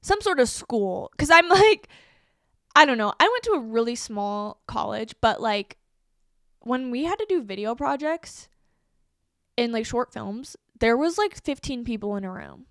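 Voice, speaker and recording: A woman's voice: a little high, a little slow, dry recording, studio quality. A woman in her twenties hosting a solo podcast, talking casually with lots of fillers. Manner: casual, animated, many fillers like "like" and "um". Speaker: podcast host.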